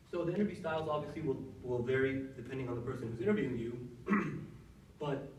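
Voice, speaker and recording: A young Saudi doctor with a medium-pitched, fairly quick voice gives casual advice to students as a workshop speaker, talking conversationally with lots of fillers and restarts. The recording has a slight hiss or hum and comes from an echoey room with the mic placed at a distance.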